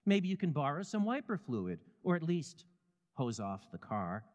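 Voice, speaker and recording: A man telling a story in second person with a measured, vivid delivery. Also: a little high, very animated, darkish tone, big-room sound, dull audio. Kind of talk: scripted second-person narration.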